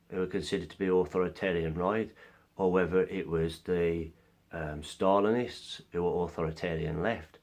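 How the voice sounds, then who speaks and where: Deep-voiced man with a cold. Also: darkish tone. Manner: earnest, explains through analogies. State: has a cold, coughing now and then. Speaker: vlogger. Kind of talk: explanatory opinion monologue to camera.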